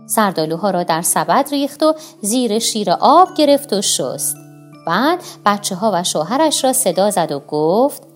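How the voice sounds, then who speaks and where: Brief: woman storyteller for kids, high, animated, addresses children directly.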